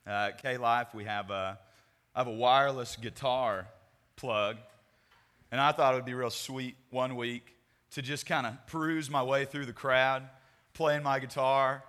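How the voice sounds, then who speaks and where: A young man with a steady, slightly bright, mid-range voice addresses a youth group crowd in a large meeting room through a handheld microphone. He rambles casually at a measured pace, joking and putting himself down before turning to a sermon. Hall reverb colors the sound.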